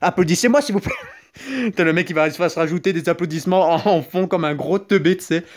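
A young man, Italian by first language, talks over his mobile gameplay in a high, light voice. He rambles, jokes and breaks into sudden excited yelps between quick asides. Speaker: gaming YouTuber. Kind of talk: joking gameplay commentary.

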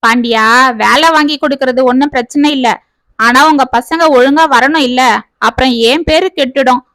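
A woman voicing a cautious office gentleman. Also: sits high, no echo. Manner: measured, cautious.

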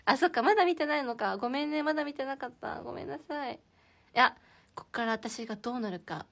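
A woman's voice: sits high, animated, fast talker, a bit bright. A young woman hosting a casual livestream from indoors, chatting and giggling as she reacts to viewer comments. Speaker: idol livestream host.

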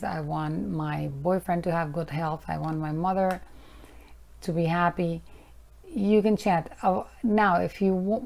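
A woman's voice: lowish voice, darkish tone. A woman teaching about mantra chanting in a casual, earnest talk to camera, frank and sometimes firm with her viewers.

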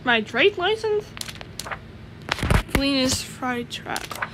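High-pitched rambling woman gamer. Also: animated, drawn-out words, background noise. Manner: rambling, listing items aloud, giggly. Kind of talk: casual gameplay commentary.

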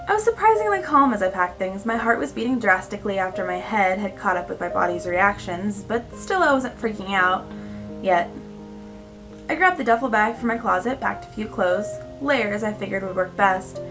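A young adult American woman narrating first-person fiction in a measured, conversational reading style. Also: mid-range voice, rough recording. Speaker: storyteller. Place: small indoor room at home. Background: music, guitar.

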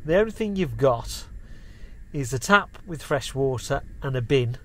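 A man's voice: medium pitch, lively intonation, measured pace. A man casually narrating a camper van travel vlog, pointing out the sights around him. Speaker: vlogger. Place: outdoors on a windy hilltop and inside a camper van.

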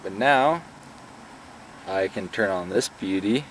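Holding his camera at arm's length beside a pond, a young adult man talks his way through a relaxed fishing vlog in a chatty, wandering manner. His fairly low, slightly bright voice is slow, and the poor audio picks up faint outdoor background noise.

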